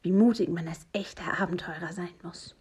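A woman's voice: on the low side, fairly quick, a little mellow, breathy edge. A woman voicing a cheerful, brave male skunk, bold and coaxing in a storybook. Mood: eager.

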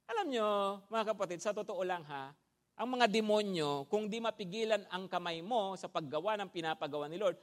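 A man preaching a sermon in mixed Tagalog and English, animated, often checking with listeners by asking "no?" and acting out stories with sound effects. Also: high voice. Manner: acts out anecdotes with shouted sound effects. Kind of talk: Taglish sermon.

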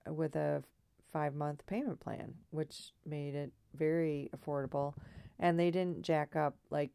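A woman speaks in a low, croaky frog voice, scratchy and hoarse from throat trouble. She thinks aloud at a slow, unhurried pace in a casual, rambling personal monologue, with a mellow tone. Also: dry recording.

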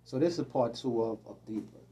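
A man who is a guest musician, talking casually in an easygoing way and often trailing off softly. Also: mid-range voice, fairly quick, far from the mic. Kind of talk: casual chat.

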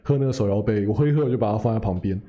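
Young man, quick rambling storyteller, deep mellow tone. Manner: rambling, self-correcting, laughs at himself. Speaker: podcast co-host. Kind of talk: casual storytelling chat.

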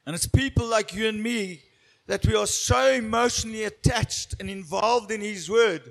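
Male preacher with a high voice, giving a sermon in short phrases that leave room for a live interpreter. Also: unhurried.

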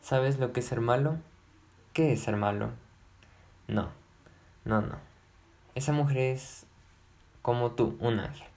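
A man reading as a lovesick young gentleman. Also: medium pitch, slow pace, long pauses. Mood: impassioned. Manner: earnest, pleading, repeating himself. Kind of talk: audiobook narration.

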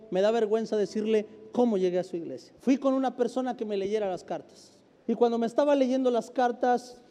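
High-voiced preaching pastor. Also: male voice. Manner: emphatic preaching with shifts between loud and hushed. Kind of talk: sermon. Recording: hall reverb with faint music.

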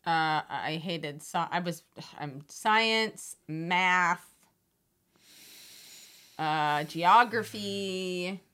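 A woman's voice: fairly low pitch, extremely slow, pushed and bright, smooth. A woman co-hosting a podcast, chatty and sympathetic, often finishing her co-host's sentences. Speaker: podcast co-host. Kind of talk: casual chat.

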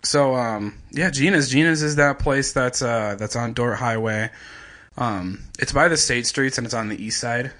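A man's voice: medium pitch, normal speed, pushed and bright. A man hosting a casual food podcast, talking in a laid-back, rambling way and laughing often. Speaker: podcast host. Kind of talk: casual chat.

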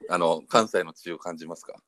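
A man from Kyushu joins a podcast as a guest, with a fairly low voice and words that tumble out quickly. He is chatty and jokey, slipping into playful dialect bits. The sound is dry and close. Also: a bit bright, no echo. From Kyushu, Japan. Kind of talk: casual podcast chat.

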